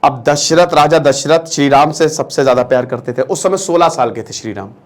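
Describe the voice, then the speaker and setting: A man retelling a scripture story live and drawing lessons from it, in an animated way that speaks straight to the listeners. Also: on the high side, brisk. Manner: animated, addresses listeners directly. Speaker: storyteller and teacher.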